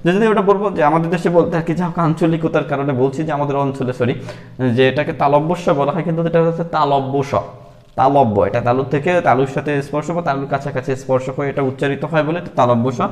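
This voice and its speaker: A man's voice: a little high, a little mellow, long reverb tail. Casting note: male teacher from Bangladesh, slightly raised voice, patient drills with fillers. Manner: repeats sounds slowly, with many fillers. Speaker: English teacher. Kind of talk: explaining letters and sounds step by step.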